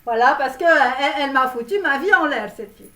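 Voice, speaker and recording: A woman's voice: sits high, lively intonation, fast talker, sharp tone, far from the mic. A woman voicing a brash Romanian-American guru coach with a put-on Romanian accent, who talks in a rambling, theatrical way during a comic tarot reading. She is recorded in a roomy space away from the mic. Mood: over-the-top. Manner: rambling, theatrical, self-promoting. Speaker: tarot reader and love coach.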